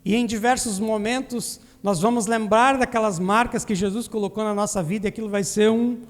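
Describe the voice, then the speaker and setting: Southern Brazilian male pastor, high voice, earnest sermon delivery, church with long reverb. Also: fairly even intonation, a little fast. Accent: Brazilian Portuguese, southern Brazil. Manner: earnest preaching with call-and-response questions to the congregation. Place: church sanctuary.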